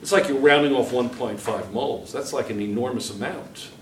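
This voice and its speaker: This middle-aged man has a medium-pitched voice and talks fairly quickly while teaching chemistry at the whiteboard, encouraging his students and quizzing them constantly between problems. A distant camera records the roomy classroom, picking up a little hiss or hum.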